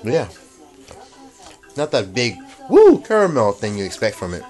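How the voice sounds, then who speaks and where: A middle-aged man chats through a casual food review at an unhurried pace. His pitch moves up and down freely, though his manner stays low-key and matter-of-fact. It sounds like a homemade video shot up close on a handheld camera indoors. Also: wildly swooping pitch, a little mellow. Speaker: amateur snack reviewer. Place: small room at home, indoors. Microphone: handheld camera at close range.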